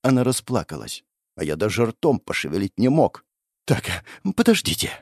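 A man giving expressive first-person narration of a dramatic audiobook, recorded on a dry close mic with faint music. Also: fairly low pitch, fairly quick, no echo.

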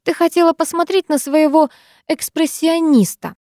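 A woman voicing a fussy, jealous teenage schoolgirl who pries and needles in quick remarks. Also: high voice, fairly even intonation, dark tone, dry recording, studio quality, pitched above the performer's own voice, close to an everyday voice.

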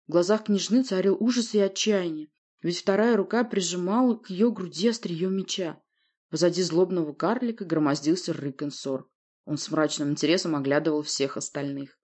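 A woman narrates a fantasy novel in a steady storytelling voice. Her pitch sits on the low side. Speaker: audiobook narrator. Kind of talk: scripted narration.

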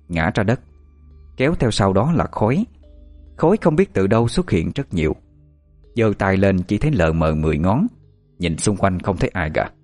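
A man narrating a first-person horror story in a steady, tense way. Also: on the low side, no echo.

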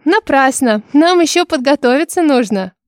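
A woman doing a cheerful young noblewoman in an audiobook, pitched high and bright. She teases and presses with a theatrical, insistent flair. The recording is close and dry. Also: expressive, normal speed, dry recording. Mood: teasing. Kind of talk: audiobook character voice.

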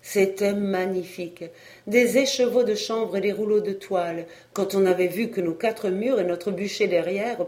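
An audiobook reader narrating a classic novel in a measured, steady way. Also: medium pitch.

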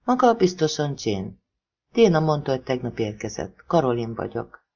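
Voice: mid-range voice, sing-song, dull audio. A narrator voicing a kind, smiling pregnant woman with a slight foreign accent, in an audiobook reading. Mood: kindly. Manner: soft and kindly.

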